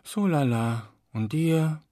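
A man's voice: a little high, expressive, slow pace, dark tone, no room sound, clean studio sound, pitched above the performer's own voice. Man doing sulky, sickly Boredom creature. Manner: languid, sulky, weepy. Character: boredom personified as a sickly, self-absorbed female creature. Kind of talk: radio storybook reading.

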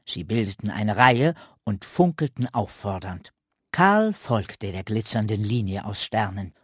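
A man reading a children's radio story aloud with slow, expressive storytelling. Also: on the low side, slightly rough, dry recording, studio quality.

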